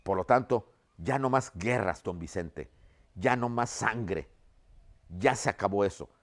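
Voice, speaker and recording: A solemn male general speaks with earnest persuasion, acted by a man retelling history. He addresses his rival respectfully as don and pleads for unity. His voice sits low. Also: measured pace. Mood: earnest persuasive. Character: solemn conciliatory male general offering peace.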